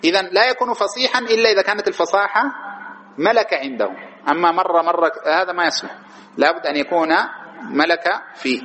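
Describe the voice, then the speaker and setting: A male teacher moves quickly through a lesson in a slightly high voice. He keeps putting questions to his students and then answers each one himself before pressing on. A faint background noise sits under the lecture. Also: fairly bright tone, poor audio. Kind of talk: classroom lecture explaining a text.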